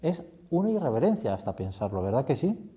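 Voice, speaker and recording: A man's voice: mid-range voice, very animated, fairly quick, dark tone, lo-fi sound. A man, a priest leading a retreat meditation, reflective and putting many questions to the listener.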